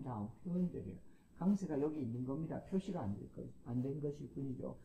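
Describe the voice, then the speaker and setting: Man lecturing, gravelly voice, warm dark tone, repeats terms, faint background hiss. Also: on the high side, lo-fi sound. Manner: explanatory, repeats key terms, thinks aloud with fillers. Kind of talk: classroom lecture.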